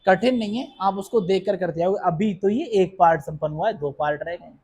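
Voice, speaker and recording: A man's voice: sits high, fairly quick, darkish tone, breathy edge. A male chemistry teacher with a Hindi accent lecturing a class. He keeps asking questions and answering them himself, and reassures students that it is not hard.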